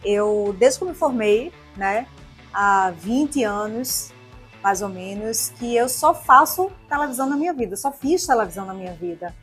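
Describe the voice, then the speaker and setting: A woman in her forties with a Pernambuco accent, a TV presenter answering interview questions in an expressive, chatty way. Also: medium pitch, moderate pace, breathy edge, faint music behind. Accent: Pernambuco Portuguese. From Pernambuco, Brazil. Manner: warm, expressive, chatty with frequent tag questions.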